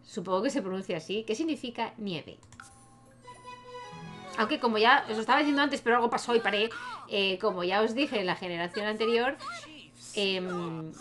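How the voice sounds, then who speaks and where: A woman's voice: medium pitch, moderate pace, pauses often, fairly bright tone, faint music behind. A young woman with a Spain Spanish accent gives casual let's-play commentary, chatting to her game characters and laughing often. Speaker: gaming youtuber.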